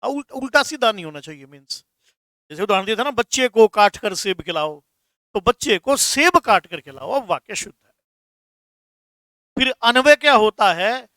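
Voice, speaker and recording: Repeating terms and addressing students affectionately as "beta," a man slowly explains Hindi grammar in a classroom lesson. He has a high-pitched, animated voice that sounds pushed and bright, recorded without echo.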